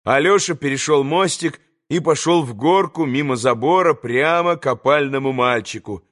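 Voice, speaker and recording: A man narrating a classic novel as an audiobook reader, measured and expressive. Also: medium pitch.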